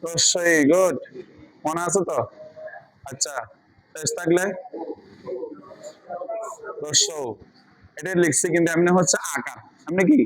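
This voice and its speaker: A man's voice: fairly high pitch, a little slow, pauses often, a crowd in the background, low-quality recording. A man teaching Quran reading in a class, quizzing students patiently with repeated questions. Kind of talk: online class lesson.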